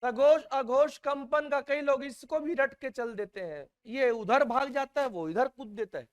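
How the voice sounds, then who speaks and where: Male teacher, high voice, classroom lecture that quizzes students. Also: a little slow, muffled recording. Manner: quizzes students, repeats key terms.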